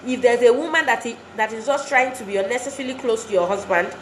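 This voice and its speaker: A woman with a slightly high voice talks fast in an earnest motivational address to wives, exhorting them and repeating phrases for emphasis. Faint background noise sits under a roomy echo.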